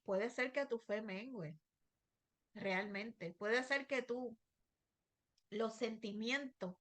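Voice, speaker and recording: A middle-aged woman preaches a devotional message in a fairly high voice. She talks through her own trials in a personal, emotional way. She slows down and repeats her pleading phrases again and again. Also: a bit bright. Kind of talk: devotional sermon.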